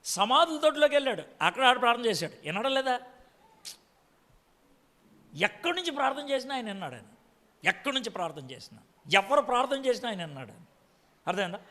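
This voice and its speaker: A man's voice: extremely high pitch, big pitch swings, quick pace, pauses often, bright, forceful tone, long reverb tail. A man preaching a sermon, quizzing his congregation with frequent direct questions.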